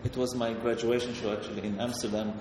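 A man's voice: medium pitch, flat delivery. A man speaking in a distant echoey hall. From Syria. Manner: halting, many fillers and restarts. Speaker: photographer guest. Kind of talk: hesitant conversational talk. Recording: echoey hall, distant mic, background noise.

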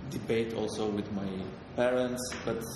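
A man from Syria, a photographer, talking haltingly with many fillers and restarts. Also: lowish voice, little pitch movement. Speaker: photographer guest. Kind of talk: hesitant conversational talk. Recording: echoey hall, distant mic, background noise.

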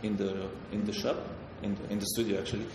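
A man from Syria talks about his work in a halting way, stopping and restarting his sentences often. He sounds far from the mic in a large hall with a long echo. A steady background noise runs beneath his voice. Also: fairly low pitch. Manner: halting, many fillers and restarts. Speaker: photographer guest. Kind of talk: hesitant conversational talk.

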